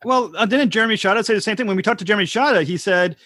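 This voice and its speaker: A man's voice: high-pitched, rapid-fire, bright, forceful tone, no room sound, clean studio sound. A man co-hosting a podcast, telling casual anecdotes in a chatty way. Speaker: podcast co-host.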